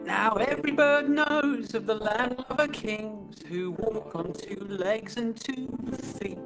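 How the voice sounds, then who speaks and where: Brash Cockney seagull , a man putting it on, belting a musical-theatre sea shanty over a loud band. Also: high voice, slow, over loud music, low-quality recording. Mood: storytelling shanty. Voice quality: brash, sing-song. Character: cheeky male seagull sea-shanty singer. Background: loud musical accompaniment.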